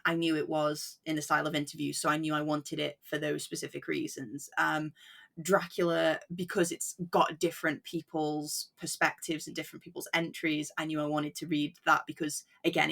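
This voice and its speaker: A woman with a low, gravelly voice talks casually about books as a podcast guest. She is lively and chatty, with frequent laughs. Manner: chatty and animated, laughs often. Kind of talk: casual book chat.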